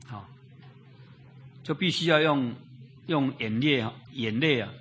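A man preaching an expository Bible sermon in a conversational way, repeating phrases, asking rhetorical questions and filling pauses with drawn-out interjections. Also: medium pitch, fairly bright tone, slight background noise.

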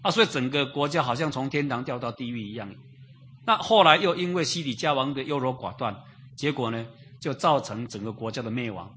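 Male preacher, expository sermon, conversational, repetitive phrasing, rhetorical questions, drawn-out fillers, medium pitch, faint background hiss. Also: fairly bright tone.

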